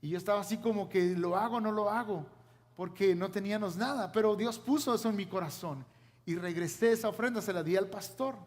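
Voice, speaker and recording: A man's voice: sits high, quick pace, in a large hall. A man from Mexico, a pastor, preaching a sermon and asking the congregation rhetorical questions.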